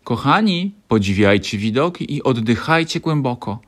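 A man voicing a gentle, caring female bear who leads a children's trip in a storybook. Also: medium pitch, animated, normal speed, voice pushed up. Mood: soothing. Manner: warm, soothing, instructive.

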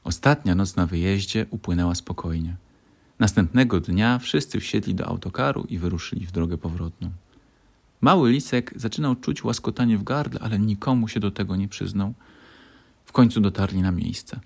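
Calm man reading a bedtime story. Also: fairly low pitch, moderate pace, gravelly. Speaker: narrator. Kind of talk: scripted bedtime story narration.

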